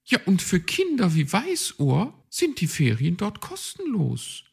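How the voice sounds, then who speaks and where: A man's voice: huge pitch swings, measured pace, vocal fry, darkish tone, husky, exaggerated voice. A man voicing a proud, bossy female magpie detective in a storybook read-aloud, know-it-all and dismissive. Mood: haughty. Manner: shrill, know-it-all, brushes off objections.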